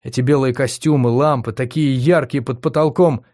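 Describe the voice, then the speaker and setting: A man's voice: mid-range voice, steady tone, moderate pace, a little mellow, pitched above the performer's own voice, lightly acted. A man reading an audiobook, voicing a cheerful but stubborn young woman patient in a raised, pleading voice. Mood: frightened, pleading.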